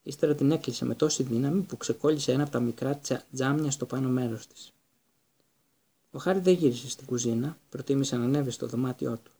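A man narrating an audiobook in an even, storytelling manner. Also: mid-range voice, husky. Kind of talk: scripted narration.

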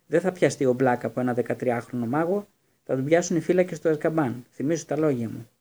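A man's voice: mid-range voice, warm tone, close to an everyday voice. Mr Weasley, a man doing a grim worried father. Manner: grim, tense.

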